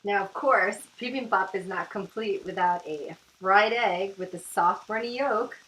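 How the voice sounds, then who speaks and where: A woman hosts her own casual cooking video, chatting enthusiastically as she cooks and tastes and repeatedly calling her viewers guys. Her medium-pitched voice is a bit bright and slightly slow, and the recording is rough.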